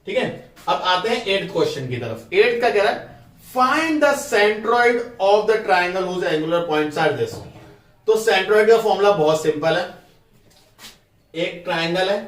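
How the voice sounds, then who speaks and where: A man teaching a school math lesson, explaining step by step and quizzing his students with quick questions. He reads terms. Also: high-pitched, roomy sound, far from the mic.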